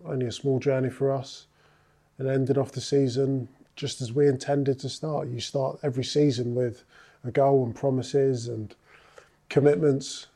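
A man's voice: medium pitch, flat delivery, normal speed, mellow. A man, a former rugby player, recounting his career in a casual interview, thoughtful and full of filler sounds.

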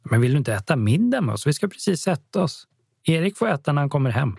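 A man voicing a friendly middle-aged mother welcoming a guest to dinner, lifting his voice higher, with a husky tone. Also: sing-song, no room sound, studio quality, full character voice. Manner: warm, chatty, hospitable.

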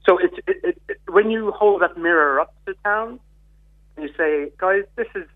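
A man from County Kerry, speaking with the south-west Irish accent of that region, talks as a radio interviewee who works in community integration. His voice sits high and moves at a moderate pace as he explains things in a discursive, conversational way. He comes through a narrow, tinny phone line.

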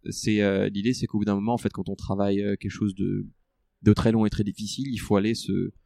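A man in a relaxed interview, talking through his running training with many fillers and restarts. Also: fairly low pitch, fast talker, creaky, no echo, studio quality. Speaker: ultra-trail runner guest. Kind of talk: conversational interview.

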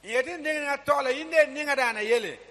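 Male interpreter, high bright tone, rhythmic echoes, long hall reverb. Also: quick pace. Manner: echoes each sentence, rhythmic. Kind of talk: live sermon interpretation.

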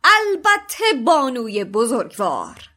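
A woman's voice: on the high side, huge pitch swings, pushed and bright, voice pushed up, exaggerated voice. A woman doing a proud knight in a painting. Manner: slow, proud and grandiose. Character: boastful knight in a painting, grandly courteous. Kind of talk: audiobook character reading.

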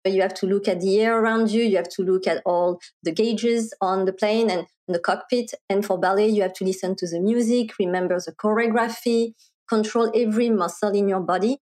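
A middle-aged woman from France with a French accent, speaking as an interview guest and explaining things clearly with a light laugh now and then. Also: mid-range voice, fairly even intonation, fairly quick, darkish tone. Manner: articulate, explanatory, laughs lightly while talking. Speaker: guest, marketing executive. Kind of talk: conversational interview.

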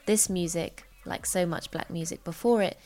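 A woman's voice: on the low side, normal speed, mellow. A woman, hosting a podcast with scripted narration and interview questions. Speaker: podcast host.

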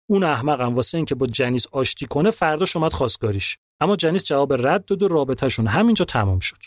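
A man narrating a podcast story in a casual, lively, colloquial way. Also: mid-range voice, no room sound, clean studio sound.

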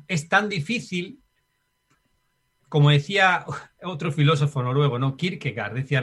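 A man's voice: a little high, a bit bright, breathy edge. A man with a Spanish accent talking reflectively as an interview guest, often tagging sentences with a questioning "right?". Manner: reflective, uses filler tags like "¿no?". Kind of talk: conversational interview.

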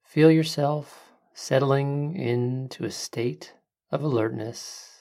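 A calm meditation podcast host with a medium-pitched voice, guiding the listener in short, soothing phrases. The delivery is very unhurried, with long pauses between instructions. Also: gravelly. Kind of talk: guided meditation narration for a podcast.

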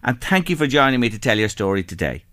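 A man's voice: mid-range voice, sing-song, fast, background noise. An Irish man presenting a chatty local radio show in an effusive, folksy manner, with plenty of rhetorical questions.

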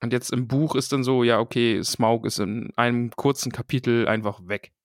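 A man chats casually as a podcast co-host in a relaxed, joking way. His pitch is ordinary. The sound is dry and close to the mic. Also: normal speed, no room sound. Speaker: podcast co-host discussing a book. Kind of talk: casual chat.

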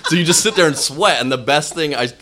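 Man, bright voice, casual storytelling, laughs a lot, mimics people he quotes. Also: animated, fast talker. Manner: laughing often, acting out quoted voices in a high pitch. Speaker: comedian guest.

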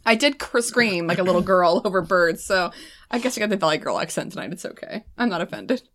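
A woman's voice: on the low side, expressive, fast talker, fairly bright tone. Woman, thirties, American accent, very varied intonation, teasing, casual podcast chat. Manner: playful, teasing banter. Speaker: podcast host.

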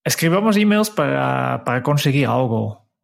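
A male host moving the interview along, with a halting delivery full of fillers. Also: medium pitch, very animated, gravelly. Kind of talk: interview moderation.

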